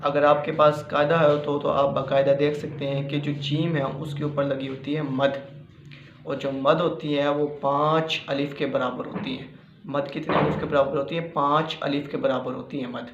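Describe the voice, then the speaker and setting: A man's voice: fairly high pitch, flat delivery, moderate pace, slight background noise. Patient man teaching letter sounds. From Pakistan. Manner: patient, repeats each point and sounds out letters. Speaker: Quran reading teacher. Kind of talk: slow spoken lesson with demonstrations. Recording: muffled echoey room recording.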